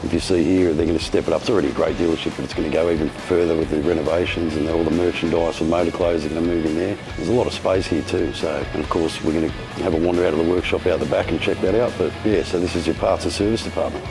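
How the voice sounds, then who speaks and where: A man hosts a casual tour on the move. He talks very quickly in a slightly low voice, full of matey slang. Loud music and vehicle noise run behind him. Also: fairly even intonation, creaky. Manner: matey, colloquial. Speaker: presenter of a motorcycle magazine tour. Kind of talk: casual walk-through vlog with chatty interviews.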